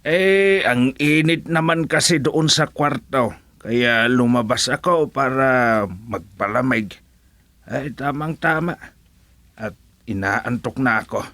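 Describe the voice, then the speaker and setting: An actor playing an easygoing, unhurried older father in a radio drama. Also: mid-range voice, sharp tone, no echo. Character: easygoing middle-aged or older father at home.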